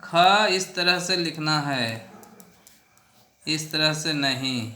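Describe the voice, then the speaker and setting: A man teaches a handwriting lesson, spacing out each instruction slowly and deliberately. His voice sits a little high and sounds bright. The recording carries a noticeable room echo. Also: slight background noise. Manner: slow, deliberate instructional delivery.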